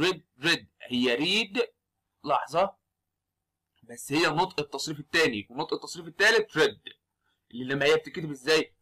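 A man with an Egyptian Arabic accent giving a fast exam review of English grammar, constantly firing quick questions at his students. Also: fairly high pitch, pushed and bright. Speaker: English teacher.

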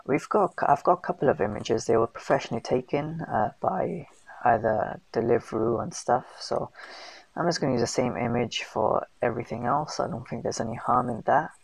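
A man's voice: fairly high pitch, normal speed, creaky, breathy edge, low-quality recording. A man hosting a casual screen-recorded tutorial, chatty and full of fillers and slang. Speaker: host of a food business channel.

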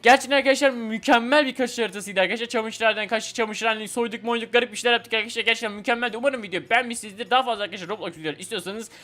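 A young man commentating a platform game for viewers, excitable and chatty, often talking to the game itself. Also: very high voice, racing, hardly any pauses. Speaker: gaming video host. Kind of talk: excited let's-play commentary.

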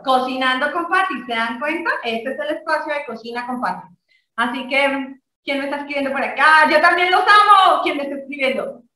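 Effusive Colombian woman host on a video call, bright and sharp, echoey and distant. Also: high-pitched. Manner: effusive, affectionate, laughs often. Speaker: network marketing presenter. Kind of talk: live video call greeting. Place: home living room.

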